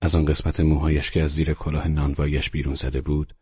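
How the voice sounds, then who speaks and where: A man with a husky voice reading a novel aloud in calm, measured scripted narration. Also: extremely low pitch. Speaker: audiobook narrator. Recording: dull lo-fi audiobook recording.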